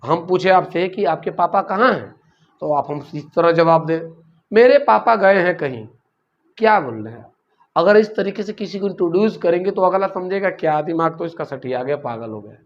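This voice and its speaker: A man's voice: on the high side, expressive, a little fast. A man teaching a grammar lesson, explaining step by step and asking rhetorical questions as he goes. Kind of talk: classroom-style grammar lesson. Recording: dull lo-fi recording.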